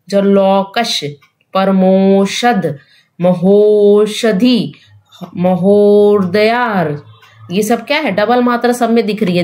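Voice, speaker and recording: A woman teaching Hindi grammar for exam preparation, repeating the rules and asking questions back to her students, mixing English terms into her explanation. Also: lowish voice. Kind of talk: exam-prep grammar lesson.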